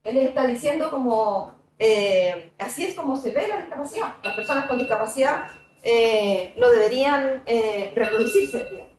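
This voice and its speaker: A woman's voice: fairly high pitch, animated, moderate pace, a little mellow, far from the mic, slight background noise. Woman lecturing in an echoey room. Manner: thoughtful, conversational, many fillers and tag questions. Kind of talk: university lecture.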